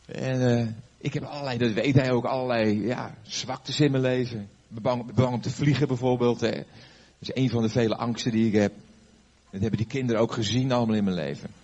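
A man's voice: medium pitch, steady tone, brisk, darkish tone, muffled recording. An older man, a pastor, giving a sermon before a live audience, telling a story conversationally with fillers and questions to the listeners.

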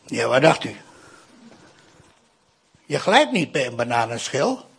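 A man's voice: mid-range voice, very animated, takes it slowly, gravelly, fairly bright tone, husky. A man from India gives a sermon-style testimony. He tells the story with animation, acts out the voices of the people in it, and keeps addressing his listeners directly. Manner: keeps addressing the audience with "I tell you".

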